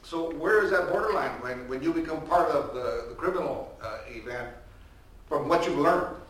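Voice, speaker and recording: Animated and a little high-pitched at normal speed, the older man lectures conversationally on a panel without a microphone, projecting loudly and frequently starting his sentences over with fillers. He is in a large echoey hall, heard from a distance with roomy echo and faint ambience.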